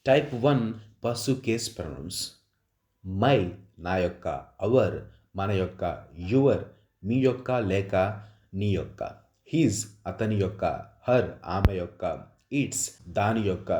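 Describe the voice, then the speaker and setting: A man's voice: fairly low pitch, a little mellow. A male English teacher in a video lesson, reading out word lists and giving each word with its translation.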